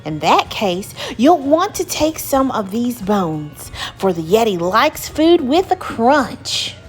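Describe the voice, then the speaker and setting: A woman's voice: fairly high pitch, very animated, takes it slowly, faint music behind. A woman voicing a huge, grumpy female mountain monster in a storybook, emphatic and indignant. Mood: gruff, advising.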